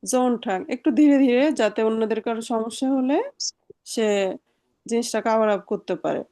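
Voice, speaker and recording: A woman with a fairly high voice teaches an online language class. She talks patiently and repeats each word slowly over a video call. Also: mellow.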